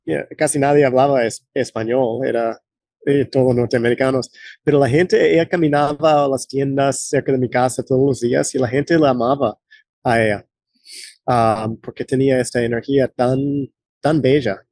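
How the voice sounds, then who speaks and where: Man, late forties, from the United States, interview guest, halting speech with restarts, mellow tone. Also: medium pitch, fairly even intonation, no echo. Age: late 40s. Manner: halting, many restarts and fillers. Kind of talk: conversational interview.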